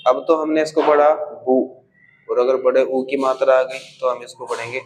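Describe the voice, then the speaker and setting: A man's voice: medium pitch, flat delivery, normal speed, a little hiss or hum, rough recording. A man teaching how to read a script in a patient, step-by-step lesson, stretching out vowel sounds to show them and often checking in with his learners. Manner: patient, checks in with "theek hai" after each point. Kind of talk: slow step-by-step language lesson.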